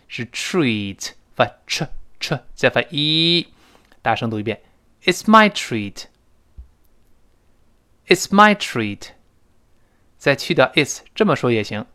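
A man's voice: medium pitch, fairly bright tone, smooth. A middle-aged man teaching an English lesson, explaining pronunciation and repeating drills.

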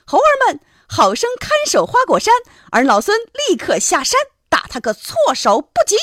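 A woman's voice: sits high, big pitch swings, moderate pace, a bit bright, dry recording, studio quality, voice pushed up. A woman voicing a brash, boastful young male monkey king hero in a children's storybook. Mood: commanding. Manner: brash, commanding.

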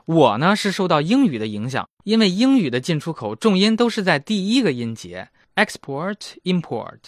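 A man's voice: a little high, very animated, brisk, no echo, studio quality. A man in his thirties hosting a casual language lesson, chatty and self-mocking. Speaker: German language teacher and host.

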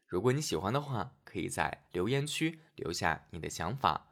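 A man narrating a fairy tale for children as the show's host, gentle and expressive, speaking directly to young listeners. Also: low voice, normal speed, gravelly.

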